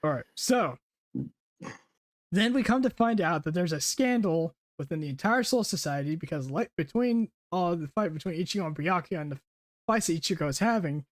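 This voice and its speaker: A man on a podcast, excitedly retelling an anime plot in a rambling way, with frequent restarts. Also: high-pitched, fairly quick, no echo, studio quality. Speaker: podcast host. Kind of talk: casual storytelling recap.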